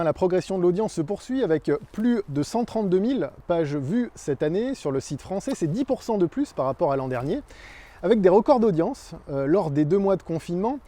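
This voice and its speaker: A man with a fairly high, soft-edged voice presents a company's yearly review. He sounds conversational, often pausing on small hesitations. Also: no room sound. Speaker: communications agency presenter. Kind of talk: corporate year-in-review presentation.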